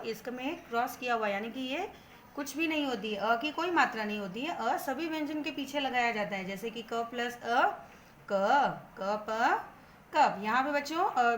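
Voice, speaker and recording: A woman's voice: a little high, a bit bright, slight background noise. A female Hindi teacher giving an online grammar lesson to children, patiently spelling words out sound by sound.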